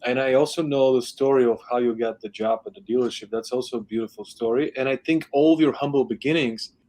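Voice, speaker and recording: A man's voice: medium pitch, steady tone, quick pace, dark tone. Affirming male podcast host. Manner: affirming, reflective interviewer. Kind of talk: interview conversation.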